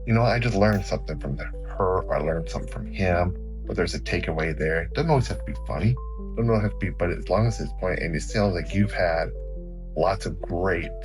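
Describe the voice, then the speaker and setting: A man's voice: sits low, brisk, music in the background. A middle-aged man with an Oklahoma Okie accent, hosting a conversational interview in a rambling, encouraging way. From Oklahoma, United States. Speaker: interview show host.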